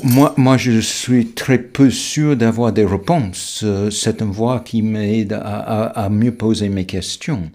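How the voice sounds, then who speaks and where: A man reflecting aloud in a slow, musing, hesitant way. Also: lowish voice, a little mellow. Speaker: interviewee. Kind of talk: reflective testimony.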